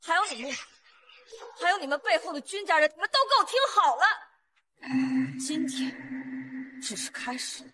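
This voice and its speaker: A defiant, assertive young wife out for revenge. Her voice is high and bright, with lively melodic swings, in the style of short melodrama. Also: moderate pace, long pauses, slight background noise. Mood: cold defiance. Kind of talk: melodramatic short-drama acting.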